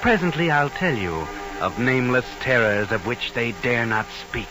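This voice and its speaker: An actor playing a sinister, all-knowing man who narrates a 1940s radio mystery in a deliberate, theatrical way. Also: mid-range voice, animated, natural voice, low-quality recording. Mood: ominous. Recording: old radio broadcast, loud music behind.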